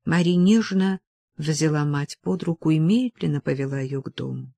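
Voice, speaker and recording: A woman's voice: low voice, sing-song, moderate pace, dark tone, dry recording. Woman narrating an audiobook, dry sound. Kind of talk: scripted narration.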